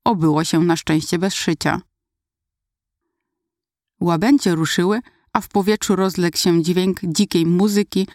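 A woman's voice: on the low side, a little mellow, no echo, studio quality. Polish-reading woman narrating a memoir story. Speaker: audiobook reader. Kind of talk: first-person story narration.

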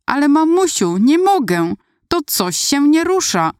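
A terrified five-year-old girl cries out high and loud in tearful panic, as a woman reader puts her on. The delivery is dry and close, with no room sound. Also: very animated, measured pace, no echo.

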